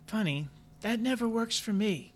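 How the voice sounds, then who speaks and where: A sardonic female office boss in a high, lively register. Her remarks come out dry and wry, over a faint background hum. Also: moderate pace.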